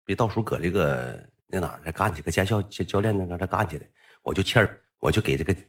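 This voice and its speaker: Fast, animated Northeastern Mandarin man. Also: deep voice. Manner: animated, rambling, swears freely. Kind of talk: casual storytelling.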